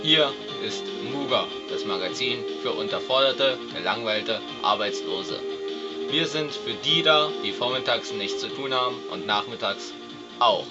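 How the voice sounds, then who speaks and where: A man hosting a satirical magazine show, reading absurd news in a deadpan, mock-serious manner on a dull recording. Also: mid-range voice, a little slow, over loud music. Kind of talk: mock news presenting, scripted narration.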